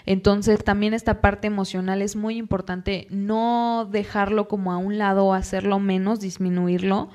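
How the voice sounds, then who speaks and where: Guest psychologist, woman, patient explanatory delivery, mid pitch. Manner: calm, explanatory, acts out parents and children in quick quoted asides. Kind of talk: podcast interview.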